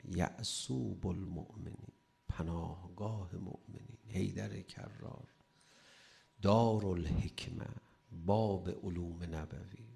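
A man delivering a religious sermon. He asks rhetorical questions and adds playful humor, swinging between loud emphasis and soft asides. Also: low-pitched, gravelly. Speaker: preacher.

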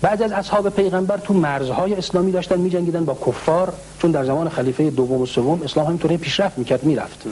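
A man, a religious scholar, explaining historical accounts in answer to a question, often clearing his throat and slowing down to recite Arabic quotations. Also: a little high, a little mellow, a little hiss or hum, rough recording.

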